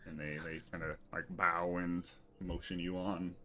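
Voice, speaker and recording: Brief: deep, bright male game master, loose and chatty narration. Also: level tone, measured pace. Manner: casual, with frequent restarts and fillers.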